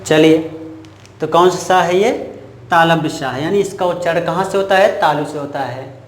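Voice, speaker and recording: A man's voice: a little high, normal speed, reverberant. A man teaching a grammar lesson, who says sounds over and over and asks the class questions that he then answers himself.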